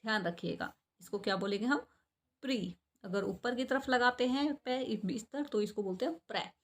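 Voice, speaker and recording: A woman's voice: on the high side, a little fast. A woman teaching a spelling lesson to young children, patiently repeating syllables and asking questions she answers herself. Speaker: school teacher.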